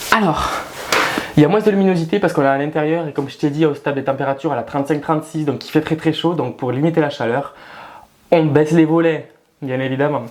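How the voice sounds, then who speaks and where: A man's voice: mid-range voice, darkish tone. Young guy vlogging about his plants, hot and sweaty, swears a lot, grumbles at them, casual indoor chat. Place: indoors at home among houseplants, shutters down.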